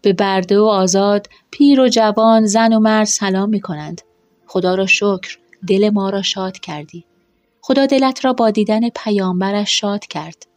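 A woman voicing a weary, kind mistress of the house in a narrated story, speaking gently. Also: medium pitch, no room sound, faint music behind, natural voice. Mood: gentle.

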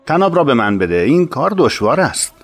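A man playing a kind, honorable middle-aged master of a household in a narrated story, speaking slowly and gently. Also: mid-range voice, big pitch swings, faint music behind. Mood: gentle.

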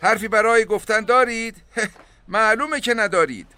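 A sneering, arrogant rebel colonel barks orders and mocks his captives, played by a man. The voice sits high, with a bright, cutting edge. It suits a radio drama. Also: animated, no echo. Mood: commanding. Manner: sneering, scornful.

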